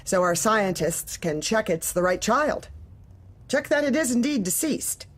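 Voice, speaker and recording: Acting the same scheming office manager, she keeps a medium pitch but delivers lines expressively and at a measured pace. The courteous surface and quiet menace stay in place as she presses her point in this dark comedy.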